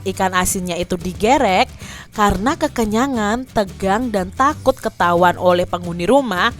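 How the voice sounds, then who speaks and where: A woman teacher telling a fable to young children and explaining the lesson, often speaking to them directly. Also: mid-range voice. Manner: addresses children warmly as adik-adik. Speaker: primary school teacher.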